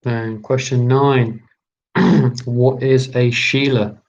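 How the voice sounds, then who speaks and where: A man hosts a live online quiz at a leisurely pace. He reads every question deliberately and repeats each term several times. His voice sits at an ordinary middle pitch. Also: steady tone, darkish tone, lo-fi sound. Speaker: quiz host.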